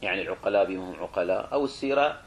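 A man's voice: low-pitched, animated, rapid-fire, lo-fi sound. A male religious studies teacher lecturing a class, who repeats and rephrases points, asks rhetorical questions and sometimes restarts words. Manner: clears his throat, restarts words.

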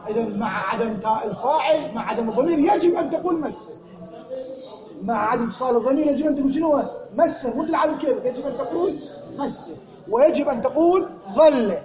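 A man's voice: very high voice, lively intonation, fast talker, crowd noise. A man with an Iraqi Arabic accent teaching a grammar lesson to a class, drilling students with repeated questions. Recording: echoey room, class audible.

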